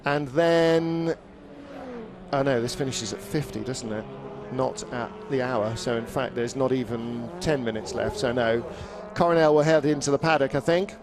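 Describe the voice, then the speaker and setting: A man's voice: mid-range voice, moderate pace. A man doing live motorsport commentary, chatty and joking, thinking aloud about the timings. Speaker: lead race commentator. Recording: loud engine noise behind commentary.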